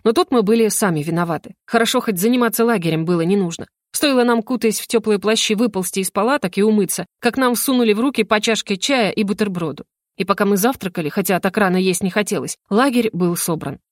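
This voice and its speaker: Woman, audiobook narrator, measured, mid pitch, dry close mic. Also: dry recording. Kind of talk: first-person fantasy audiobook narration.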